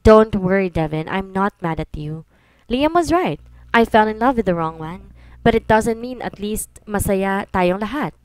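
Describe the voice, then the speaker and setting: A woman voicing an easygoing young man who speaks calmly and forgivingly. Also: medium pitch, unhurried, no room sound, close to an everyday voice, rough recording. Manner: calm, forgiving.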